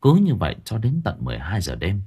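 A man's voice: low voice, wildly swooping pitch, fast talker, mellow, husky. A man narrating a story expressively. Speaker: audiobook narrator.

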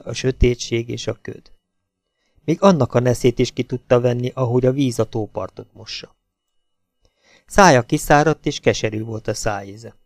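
A man reads a suspense novel aloud at a steady, measured pace. His voice has a gravelly fry at mid pitch. The recording is dry and close, with no room echo. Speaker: audiobook narrator. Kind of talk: scripted narration.

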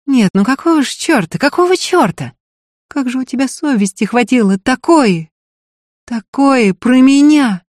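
A man reading aloud, voicing a fiery, quick-tempered young woman who scolds at full voice. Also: extremely high pitch, no echo, studio quality, pitched above the performer's own voice. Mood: furious. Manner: shouting, scolding. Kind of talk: audiobook reading.

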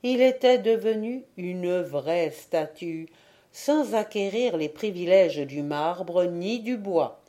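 Woman, audiobook narrator, storybook narration, low pitch, dark tone. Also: animated, slow pace. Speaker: audiobook reader.

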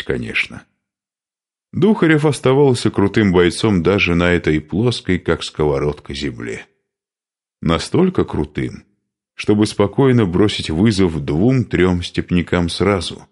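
A man narrating an audiobook in an expressive reading style. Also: low voice.

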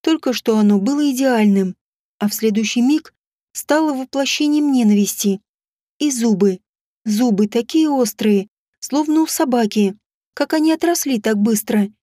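A woman reading a first-person audiobook in a measured, steady storytelling manner. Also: fairly high pitch, no room sound, clean studio sound. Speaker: audiobook narrator.

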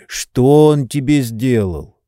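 A placating yard-keeper, drawing out soothing words to settle a quarrel, as a man puts him on in an audiobook. The voice is dark and slow on a dry recording. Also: medium pitch, animated, no echo. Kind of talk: audiobook reading.

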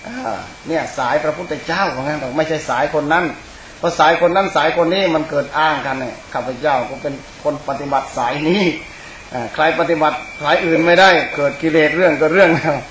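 A man's voice: on the high side, fairly bright tone. A man, a Buddhist monk and teacher, giving an informal Dhamma sermon in a conversational, rambling way, speaking directly to his listeners. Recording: echoey room, clear background hiss.

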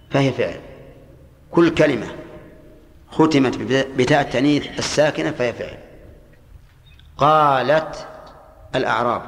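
A man's voice: medium pitch, creaky. An older man teaching a grammar lesson, explaining step by step, quizzing his students and repeating key points. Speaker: Islamic scholar teaching Arabic grammar. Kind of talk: classroom lesson. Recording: old lecture tape in a reverberant hall, faint hiss.

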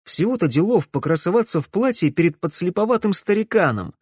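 An earnest young man, played by a male reader coaxing his friend along. The voice is lively in pitch and slightly high, recorded dry and close. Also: a little fast, husky, no echo. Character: bright persuasive young man.

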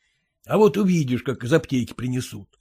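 A man's voice: mid-range voice, animated, a little fast, creaky, warm tone, husky. A man doing a pompous grumbling merchant. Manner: grumbling, lecturing, self-important. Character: pompous fussy merchant husband, fearful of typhus.

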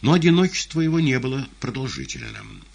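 A man narrating an audiobook in a measured, low-key way. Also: huge pitch swings, gravelly, slightly rough. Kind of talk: scripted narration.

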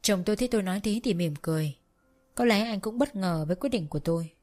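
Female storyteller, steady first-person narration. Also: mid-range voice, fast talker, soft background music.

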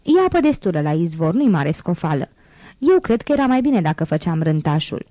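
A woman's voice: on the low side, big pitch swings, dry recording. A woman voicing a harsh, scolding female innkeeper who talks down to a servant girl. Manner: sharp, bossy and contemptuous.

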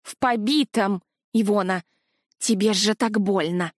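A woman's voice: fairly high pitch, animated, a little slow, dry recording. A woman voicing a fussy, motherly ghostly dragoness guardian who scolds and dotes, in a dry, close storybook reading. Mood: doting. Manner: strict then doting, scolding.

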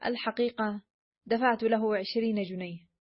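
A woman's voice: on the high side, fairly even intonation, moderate pace, close to an everyday voice. A woman reading the lines of a greedy, fearful old miser uncle in a storybook, curt and grudging, on a dull lo-fi recording.

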